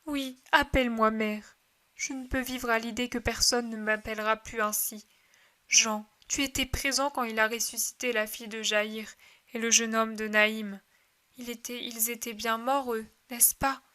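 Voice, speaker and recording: A heartbroken mother on the edge of despair, swinging between tender murmurs and anguished cries, as a woman reader puts her on. The voice sits fairly high and sounds bright, close and intimate like a storybook reading. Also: fairly even intonation, moderate pace. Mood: pleading. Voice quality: emotional pleading delivery. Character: grieving mother, desperate, clinging to faith.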